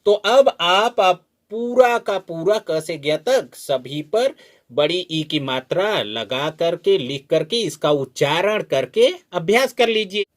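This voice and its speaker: A man teaching a spoken lesson, sounding out syllables slowly and drawing them out, asking the learner questions as he goes. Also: sits high, expressive. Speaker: Hindi teacher. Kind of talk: slow spoken lesson at a board.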